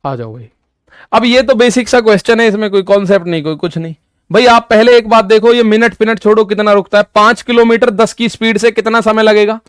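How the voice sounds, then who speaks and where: A male maths teacher walks his students through an exam problem step by step, repeating each key point. His voice is high and smooth. It is recorded close and dry, with no room sound. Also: fairly quick, no echo. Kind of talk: online exam-prep maths lesson.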